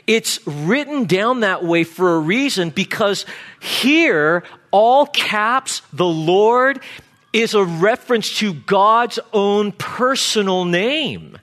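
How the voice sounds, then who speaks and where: A guest pastor preaching a sermon with emphatic, deliberate delivery. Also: male voice, high voice, a bit bright.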